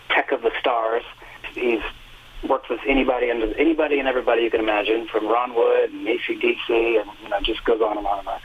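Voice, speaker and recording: On a tinny phone line with a little hiss or hum, a man of medium pitch recounts long, earnest stories with lots of fillers. He's in his fifties, works as a singer and music teacher, and is chatting in a relaxed phone interview.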